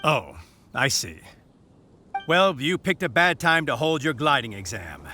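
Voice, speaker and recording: A man's voice: medium pitch, big pitch swings, measured pace, bright, forceful tone, slight background noise. A man voicing a stiff, officious knight in a game, speaking in a formal, by-the-book way. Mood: explaining.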